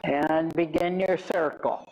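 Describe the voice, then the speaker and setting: A riding instructor coaching a live lesson with brisk, short instructional commands. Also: mid-range voice, fairly even intonation, a little mellow, a little hiss or hum, low-quality recording.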